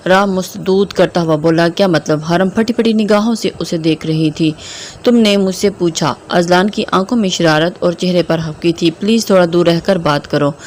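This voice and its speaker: A woman's voice: lowish voice, a little hiss or hum. A woman narrating a romance novel and voicing all the dialogue herself, with occasional slips and fillers. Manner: reads dialogue of all characters in her own voice, with small slips and fillers.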